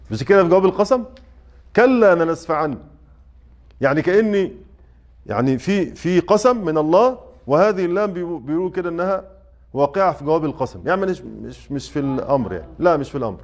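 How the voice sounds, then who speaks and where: A man with an Egyptian Arabic accent teaches a tajweed lesson to a mosque study circle. He explains point by point, checks in with the class, and chants the quoted verses slowly. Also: fairly high pitch, sing-song. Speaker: Quran recitation teacher.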